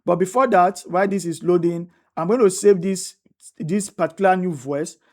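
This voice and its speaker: A woman's voice: on the low side, normal speed, darkish tone. A woman teaching a tutorial step by step, often repeating herself and checking in with "right?". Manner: repetitive, restates each step, asks "right?". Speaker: instructor. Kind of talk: screen-recorded tutorial walkthrough.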